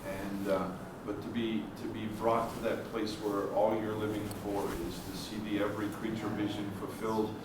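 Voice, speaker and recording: A man with a low, flat voice speaks earnestly and reflectively. He is far from the mic, with a very echoey sound and clear background noise. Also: normal speed, hardly any pauses. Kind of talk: casual reflective talk.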